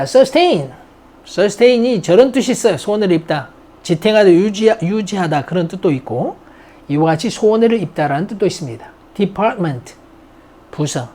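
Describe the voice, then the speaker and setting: An unhurried grammar teacher works through a vocabulary list, saying each English word several times before explaining it. The voice swings widely up and down, and the teacher keeps posing and answering their own questions. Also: medium pitch, warm tone. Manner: drills words by repeating them, asks and answers own questions; mixes English words into slow explanations.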